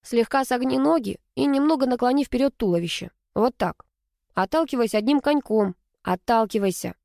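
A woman voicing a calm, deadpan young male skating instructor with a mildly mocking manner. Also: on the high side, moderate pace, creaky, no room sound, studio quality, pitched above the performer's own voice. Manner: cool, unflappable, mildly mocking.

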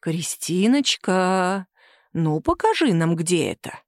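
Женщина, играющая капитана полиции, говорит медленно и ласково, чтобы не спугнуть ребёнка. Звук сухой, без отзвука. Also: female voice, fairly low pitch, very animated, a little mellow, no echo, clean studio sound, exaggerated voice. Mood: вкрадчиво. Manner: slow, careful, coaxing. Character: calm middle-aged male police captain.

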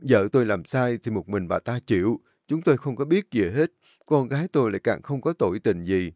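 A man's voice: mid-range voice, animated, brisk, darkish tone, dry recording, studio quality. A man voicing a terrified middle-aged father who begs desperately for mercy. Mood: desperate begging. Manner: pleading, desperate.

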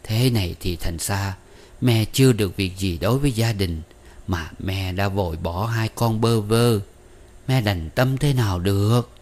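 Man doing a frail old mother, slow and pleading. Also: on the low side, a little mellow, natural voice. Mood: sorrowful.

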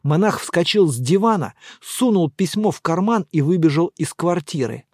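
An expressive audiobook narrator reading a dramatic story, with a voice that moves widely up and down in pitch. The recording is dry and close, with no room sound. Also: moderate pace, no room sound.

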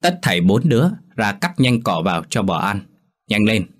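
A man's voice: fairly low pitch, very animated, moderate pace. A man voicing a stern old village mother who scolds sharply.

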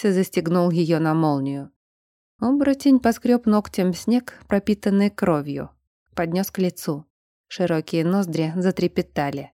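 A woman narrating an audiobook in a steady, measured storytelling manner. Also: fairly low pitch, dry recording, clean studio sound. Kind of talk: scripted narration.

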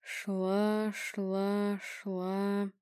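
A woman voicing an eerie male clairvoyant, speaking slowly in a cold, stony tone. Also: medium pitch, dark tone, no echo, studio quality, close to an everyday voice.

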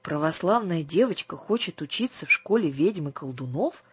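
A woman reading an audiobook, voicing an earnest young male seminary student who sells books and speaks in a gently instructive way. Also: deep voice, lively intonation, normal speed, husky, dry recording, heavily acted. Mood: lecturing.

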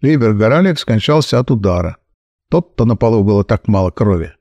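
A man voicing a calm, shrewd detective who explains matter-of-factly. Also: on the low side, no echo, dull audio. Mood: explaining. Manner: brisk, matter-of-fact explaining. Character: calm, shrewd older male detective, brisk and dry.

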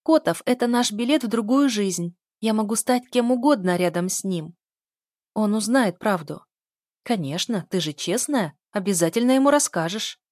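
A woman's voice: mid-range voice, animated, moderate pace, a little mellow, no room sound, clean studio sound, lightly acted. A woman voicing a brash, cynical young woman who schemes for a better life, in a storybook reading. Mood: scheming. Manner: cynical, pushy.

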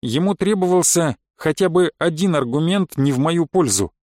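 Man, first-person audiobook narration, dry mocking tone, somewhat high voice, dead-dry sound. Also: animated, normal speed, a little mellow, no room sound.

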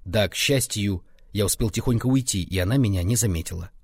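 A man's voice: on the low side, brisk, husky, no echo. A man reading aloud plays a frightened, deferential manservant who addresses his master humbly. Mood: terrified. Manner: deferential, fearful. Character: terrified old-fashioned male servant, deferential.

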